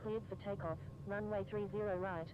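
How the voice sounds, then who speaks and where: A man playing an airline pilot who reads back clearances in a formal, monotone way over the radio. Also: high-pitched, fairly quick, lightly acted. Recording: dull lo-fi radio over loud aircraft noise.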